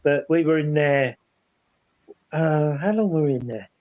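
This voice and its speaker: A man's voice: fairly high pitch, a little slow, no room sound, phone-quality sound. A man on a paranormal panel, rambling through an investigation story in casual chat with many restarts and asides.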